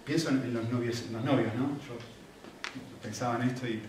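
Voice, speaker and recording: A man preaching a sermon in an animated, conversational way, often checking in with his listeners. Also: medium pitch, a little fast, a little hiss or hum. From Argentina. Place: church hall. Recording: echoey hall, mic from a distance.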